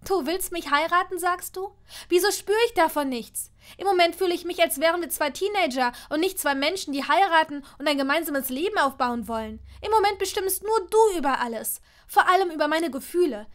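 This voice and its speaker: A woman voicing a fiery, hurt young witch who speaks loudly and with heated emphasis in a fan-fiction audiobook. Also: sits high, lively intonation, moderate pace. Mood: furious.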